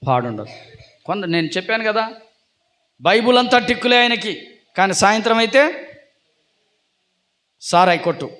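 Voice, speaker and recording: A pastor with a high, somewhat bright voice preaches to his congregation, calling for their responses. He teases them playfully and jokes with his listeners.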